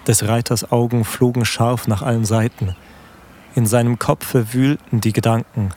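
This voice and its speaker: A man reading a classic novella aloud in a measured, solemn way. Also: medium pitch, steady tone, a little mellow, slight background noise. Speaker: narrator. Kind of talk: literary reading.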